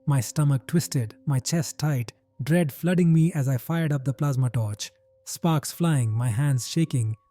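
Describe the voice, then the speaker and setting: Grim, mellow-voiced male horror narrator. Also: mid-range voice, dry recording. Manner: grim, measured storytelling. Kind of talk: scripted first-person horror narration. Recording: faint background music.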